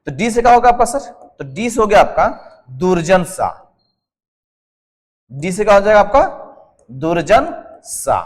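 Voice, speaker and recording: This is a whiteboard exam-prep lesson with a mnemonic, led by a man whose voice sits high and sounds animated, with a Jharkhand Hindi accent. He talks at a normal speed but leaves long pauses, and the room sounds large. He quizzes his class, drilling answers as questions, repeating each term many times and constantly calling the students "sir."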